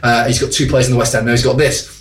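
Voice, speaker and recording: A man's voice: mid-range voice, level tone, fast, recorded from a distance. A man co-hosting a radio show, talking in a loose, self-mocking way. His voice has a roomy, echoey sound, as if he sits a little back from the microphone. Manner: chatty, self-mocking, laughs often. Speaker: radio co-host and actor. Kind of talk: casual radio chat.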